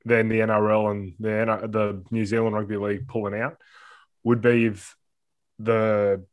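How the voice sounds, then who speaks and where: Male sports podcast panellist, Australian accent, slightly low voice, blunt and casual. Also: flat delivery, normal speed.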